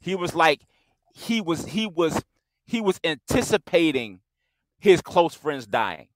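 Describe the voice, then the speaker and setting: A man co-hosting a casual podcast, talking in an animated way and often repeating "like" and "hey". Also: on the high side, slow pace, dry recording, rough recording. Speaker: podcast co-host. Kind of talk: casual group chat.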